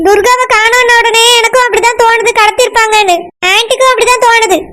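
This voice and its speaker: A woman's voice: extremely high pitch, fairly even intonation, fast talker, bright, forceful tone. A woman voicing a young woman, the bride's earnest, consoling friend, with a Kanyakumari Tamil accent in a cartoon. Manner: soothing, earnest. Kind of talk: cartoon voice acting.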